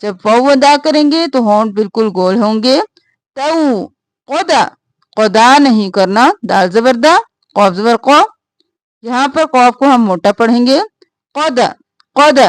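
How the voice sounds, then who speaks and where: A woman teaching Quranic recitation, drawing out verses slowly and explaining each sound briskly. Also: sits high, no room sound. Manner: slow drawn-out melodic recitation between brisk spoken instructions. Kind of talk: tajweed lesson, alternating slow recitation and quick explanation.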